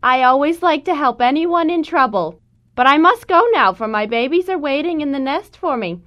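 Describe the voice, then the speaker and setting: Storybook mother stork: high, animated delivery, brisk and obliging. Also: dull audio. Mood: kindly. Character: helpful, brisk mother stork, a big bird. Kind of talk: children's storybook character reading.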